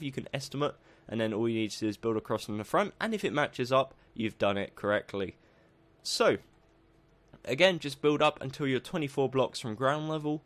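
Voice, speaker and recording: Narrating over game footage, a cheerful man with a croaky voice explains a build; his voice is mid-range, and he slows down to list the steps.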